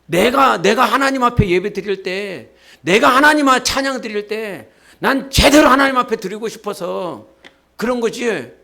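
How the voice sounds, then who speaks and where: A man preaching a sermon as pastor, talking directly to his congregation and leading them in shouted declarations. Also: sits high, expressive, normal speed, creaky. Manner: often asks the congregation "예?" and talks to them directly. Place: church sanctuary.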